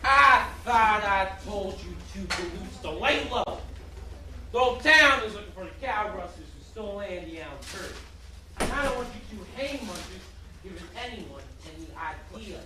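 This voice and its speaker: Sharp, high-voiced western villain boss. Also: male voice, animated, moderate pace, full character voice. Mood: scolding. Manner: commanding, scolding, theatrical. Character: bossy, scheming Wild West town boss villain. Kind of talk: stage play acting. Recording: echoey theater, distant mic, faint noise.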